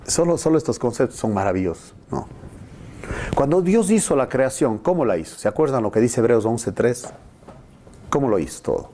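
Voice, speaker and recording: A man preaching a discipleship lesson as a pastor, animated and jumping into high voices to act out the people he quotes. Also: moderate pace, slight background noise.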